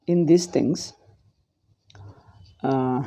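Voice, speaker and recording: A man with a South Indian accent teaching a scriptural lesson, deliberately repeating phrases for emphasis. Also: mid-range voice, mellow. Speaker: teacher of Vedanta philosophy.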